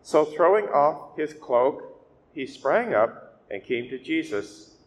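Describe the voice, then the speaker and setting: A male priest reading the gospel and preaching a weekday homily at a steady, measured pace, his voice ringing with a long cathedral echo. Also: on the high side. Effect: long cathedral-style echo. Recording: echoey church hall with faint hiss.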